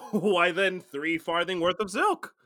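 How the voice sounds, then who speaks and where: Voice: mid-range voice, steady tone, takes it slowly, sharp tone. A performer playing a witty young lord in a Shakespeare comedy, declaiming grandly and laughing at himself. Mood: amused, commanding. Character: witty young lord, lovesick and self-mocking. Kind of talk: Shakespeare stage acting.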